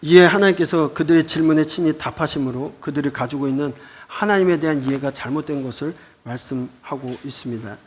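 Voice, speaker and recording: A man's voice: a little high, a little fast, husky. A man teaching a Bible school lecture, explaining scripture with rhetorical questions.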